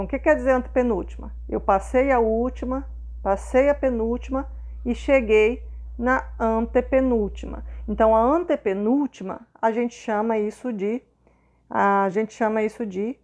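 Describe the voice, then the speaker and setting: A woman with a Brazilian accent explains schoolwork in a patient, step-by-step way. Her voice sits a little high, and she keeps pausing to check that the class is following. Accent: Brazilian Portuguese. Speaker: teacher.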